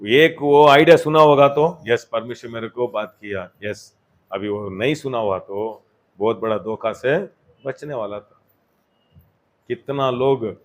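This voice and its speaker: A pastor giving a sermon in a church, mixing in English words and moving between loud exhortation and quiet asides. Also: male voice, medium pitch.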